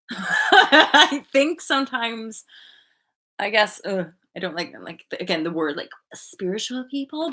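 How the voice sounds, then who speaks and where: A woman in her thirties hosting a casual live chat from a bedroom, chatty and animated, full of likes and restarts, heard through a webcam mic. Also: a little high. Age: 30s. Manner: animated, gestures a lot, laughs often. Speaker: livestream host. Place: bedroom indoors. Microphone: webcam at desk distance.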